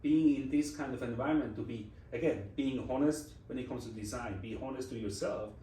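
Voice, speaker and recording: Here a design executive from Switzerland, in his forties, talks briskly in a mellow, medium-pitched voice as an interview guest. His casual, reflective English is non-native, Swiss German-accented and full of restarts. Picked up from off-mic at a distance, his voice carries a roomy echo.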